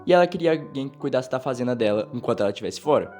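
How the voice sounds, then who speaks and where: A young man with a Brazilian Portuguese accent, dubbing an animated storytime as its first-person narrator, telling it in a quick, animated way. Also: mid-range voice. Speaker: fan dubber narrating a storytime. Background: faint background music.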